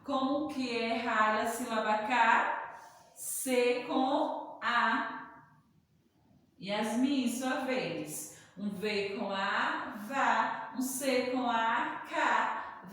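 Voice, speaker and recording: Referring to herself as "tia," a woman teacher leads young children through a recorded reading lesson, sounding out syllables one letter at a time and encouraging them warmly. She draws out her words in a fairly high, slightly bright voice, recorded from afar in an echoey room with long reverb.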